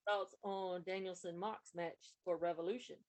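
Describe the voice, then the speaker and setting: A woman's voice: lowish voice, steady tone, normal speed, a little mellow, poor audio. A woman co-hosting a podcast, recapping wrestling matches in a casual, running play-by-play way. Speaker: podcast co-host.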